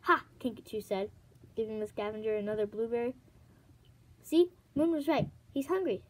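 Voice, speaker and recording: A woman's voice: on the high side, expressive, normal speed. A woman voicing a bubbly, eager young female rainforest dragon. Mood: excited. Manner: bouncy, eager.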